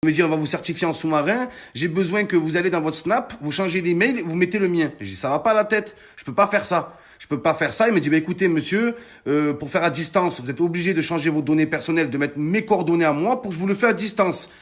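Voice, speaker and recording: A man's voice: on the high side, fast, hardly any pauses. A man, telling a story in a heated vlog rant, swearing and acting out the other people in it. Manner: heated, emphatic, swears a lot, acts out callers. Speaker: influencer telling his story.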